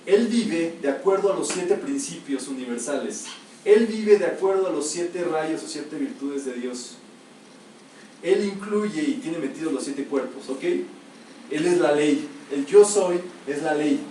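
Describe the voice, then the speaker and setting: A man's voice: a little high, lively intonation, measured pace, dark tone. Emphatic lecturing man in an echoey room. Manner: emphatic, asks the audience rhetorical questions. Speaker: metaphysics teacher. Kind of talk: spiritual lecture to a live group. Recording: echoey room, mic far off, faint hiss.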